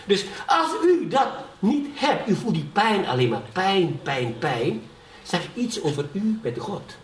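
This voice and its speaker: Here the pastor's voice is high-pitched and swings widely in pitch, moving a little slowly as this middle-aged man delivers his sermon and keeps checking in with "ja?". His testimony builds in fervour, captured from far off in an echoey church hall with faint noise behind.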